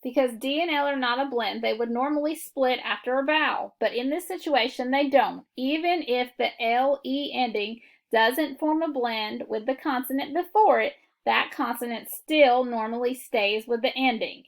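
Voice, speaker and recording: A woman teaching a phonics lesson, walking through syllable marking step by step in a deliberate classroom manner. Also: high voice. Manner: slow, deliberate classroom instruction. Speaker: reading teacher.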